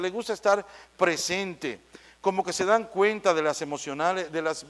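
A man preaching a sermon, animated and acting out small scenes between people. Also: high voice. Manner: animated, acts out little dialogues with shifting voices.

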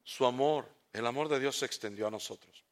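A man preaching a sermon, swinging from hushed tones to shouts and asking the congregation rhetorical questions. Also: mid-range voice, fairly quick.

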